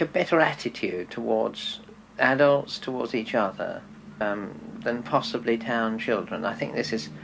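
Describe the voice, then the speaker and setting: A man's voice: mid-range voice, vocal fry, a bit bright, slight background noise, rough recording. A man who is a headmaster, answering interview questions in a thoughtful, hesitant way with frequent ums.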